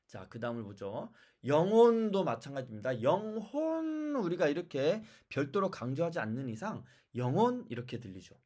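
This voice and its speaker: A language teacher giving a pronunciation lesson, explaining step by step and repeating example words slowly. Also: mid-range voice, sing-song, dark tone. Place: lives in China.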